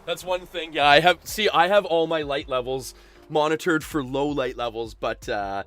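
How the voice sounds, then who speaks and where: A man's voice: a little high, moderate pace, fairly bright tone, soft background music. A boisterous, chatty man from Canada hosting a casual livestream, talking with his viewers. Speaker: live game streamer and host. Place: small backyard shed used as a streaming room.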